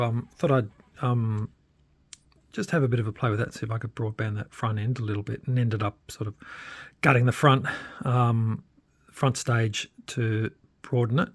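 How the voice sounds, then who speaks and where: A hobbyist demonstrates a radio modification in a casual, unscripted tech update, thinking out loud and hesitating along the way. He has a mid-range voice, and the recording has no echo.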